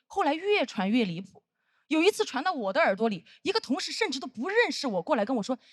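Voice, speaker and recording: A woman's voice: high voice, very animated, fast, no room sound, studio quality. A young adult woman performing a stand-up comedy routine on stage, telling a punchy story full of quoted dialogue. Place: stage with live audience.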